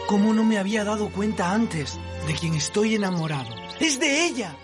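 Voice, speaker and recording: Cartoon hero: young, little, brave, earnest, music behind. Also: male voice, sits high, expressive, moderate pace. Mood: bewildered. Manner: earnest, courtly. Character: small, brave, gallant young male hero. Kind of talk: cartoon film acting.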